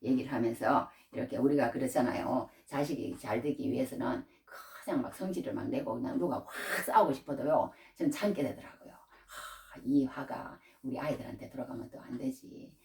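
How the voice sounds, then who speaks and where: A woman's voice: a bass voice, brisk, creaky, few pauses, darkish tone, distant mic. A middle-aged woman preaching a sermon in a conversational way, raising her voice when she acts out scripture. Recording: roomy sound from away from the mic.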